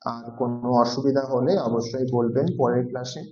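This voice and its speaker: With a darkish, medium-pitched voice that barely moves in pitch, a man delivers a classroom lecture at a moderate pace. He teaches a language class, patiently explaining each sound and repeating it several times to demonstrate. The audio sounds roomy and dull.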